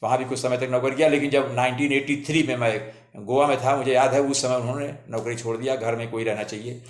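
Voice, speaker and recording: A man's voice: medium pitch, steady tone, quick pace. A man in his seventies telling stories from his own life to his viewers in a homely way, often calling them his friends. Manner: homely, addresses listeners as friends. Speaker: memoir storyteller. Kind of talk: autobiographical storytelling to viewers. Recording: roomy echo.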